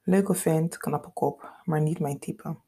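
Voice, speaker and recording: A woman reading the lines of a young woman who is guarded at first and then warms up, speaking casually with light amusement. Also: low-pitched, slow, breathy edge, heavily acted.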